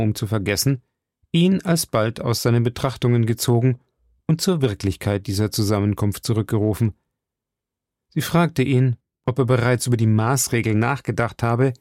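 Dark-voiced man reading a classic aloud. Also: mid-range voice, no room sound, clean studio sound. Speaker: reader. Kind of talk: audiobook reading of a classic novel.

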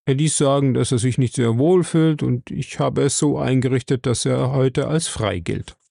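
A man reading aloud and voicing a calm, stout, middle-aged office manager who speaks in a measured, confiding way. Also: medium pitch, gravelly, dry recording, studio quality.

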